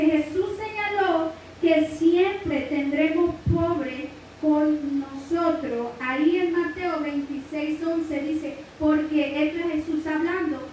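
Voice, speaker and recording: A woman's voice: high-pitched, a little mellow. A woman from Mexico with a Guerrero Mexican Spanish accent, preaching a church Bible lesson. She fills her teaching with frequent "amen" and praise phrases and calls her listeners brother. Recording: very echoey hall, mic at a distance, faint hiss.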